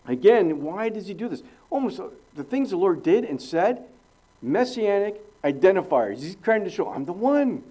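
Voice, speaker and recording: A middle-aged man preaches in an earnest, emphatic way, his voice mellow and warm yet sitting a bit high. He leans hard on key phrases, then drops almost to a hush. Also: big pitch swings, measured pace, rough recording. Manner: earnest, emphatic, with sudden loud rises and hushed drops. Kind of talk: expository sermon.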